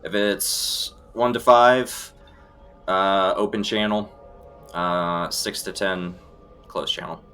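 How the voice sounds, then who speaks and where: A man with a low voice runs a tabletop game as game master. He paints each scene in a deliberate, descriptive way. Quiet music plays behind him. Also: steady tone, smooth. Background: background music.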